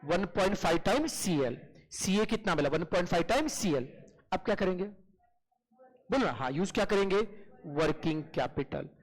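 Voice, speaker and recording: High-voiced man quizzing his class. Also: lively intonation, normal speed, rough recording. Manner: asks constant quiz questions, answers them himself; calls students "beta". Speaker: accountancy teacher. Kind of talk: online class lecture.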